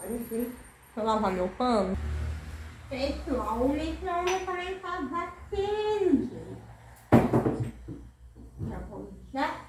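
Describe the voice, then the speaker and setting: A woman in her thirties, a home cleaning vlogger with a Brazilian Portuguese accent, casually talks to viewers as she cleans, chatty and tired and often turning to them. Her high voice swings widely in pitch, moving slowly with long pauses. The indoor kitchen is echoey, the camera far across the room, with a little hiss or hum.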